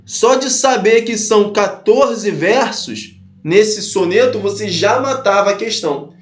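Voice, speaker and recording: A Portuguese teacher with a high voice and lively intonation gives an exam-prep lesson a little slowly in an echoey room. He explains step by step, repeats his points, and checks in with his students.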